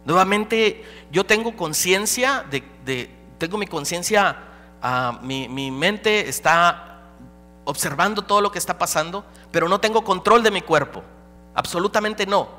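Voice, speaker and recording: A man preaching a dramatic personal testimony as a pastor, swinging between loud and hushed. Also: high-pitched, animated, a little slow, faint music behind. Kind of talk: sermon testimony. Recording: live hall recording with reverb and hum.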